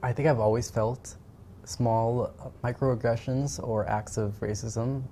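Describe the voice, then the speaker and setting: A man being interviewed, reflecting on personal experiences in measured phrases with pauses mid-thought. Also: medium pitch, fairly even intonation, mellow, soft background music. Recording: noticeable ambient background noise.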